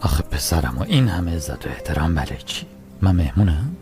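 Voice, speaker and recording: A gruff old father in a dubbed TV drama, asking wry questions in a very deep voice with a lively pitch. Music plays behind him. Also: exaggerated voice.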